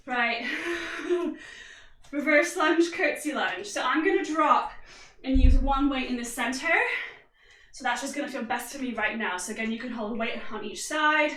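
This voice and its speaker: A woman leads a guided workout with a high, bright, forward voice. She calls out steady, upbeat cues, one movement at a time. The sound bounces around an echoey room, and the mic sits well away from her. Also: far from the mic. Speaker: fitness instructor.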